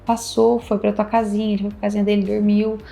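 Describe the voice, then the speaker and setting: A woman's voice: mid-range voice, flat delivery, fast talker, gravelly, warm tone. A Brazilian woman, a couples therapist, giving relationship advice in a casual, emphatic way and repeating her key points. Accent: Brazilian Portuguese. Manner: emphatic, repeats key phrases, acts out little dialogues. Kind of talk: casual advice talk to camera.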